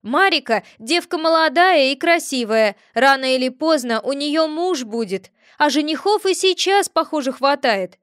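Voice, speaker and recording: A woman's voice: high-pitched, animated, moderate pace, few pauses, a bit bright, no room sound, clean studio sound, pitched above the performer's own voice. A woman voicing a nosy, folksy male house spirit who lectures in a homespun way. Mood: lecturing.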